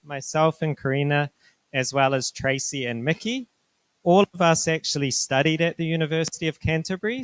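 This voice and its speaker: A middle-aged university director from New Zealand, speaking with a New Zealand accent, gives students an informational presentation in a polite, measured, explanatory manner. His voice is on the high side and a bit bright, and the recording is dry.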